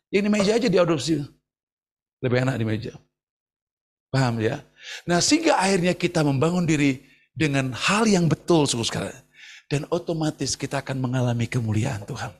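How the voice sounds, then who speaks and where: A man preaching a sermon to an online congregation in an animated, joking way, often asking the listeners whether they agree. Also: on the high side. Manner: animated and joking, asks the congregation "betul nggak?". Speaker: pastor. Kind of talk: sermon at an online church service.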